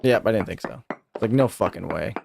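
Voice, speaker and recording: With a lowish voice, fairly quick delivery, and vocal fry, this young streamer chats casually through a live game session against a noisy background. He swears freely and laughs often.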